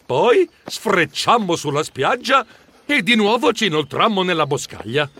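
A man narrating a children's story in the first person, with animated, expressive delivery. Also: high voice, measured pace, slightly rough. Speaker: audiobook narrator.

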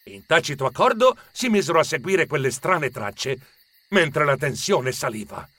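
Man narrating a kids' story, expressive, lively pitch, slightly high voice, dry sound. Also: moderate pace, no room sound. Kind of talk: scripted narration of a children's story.

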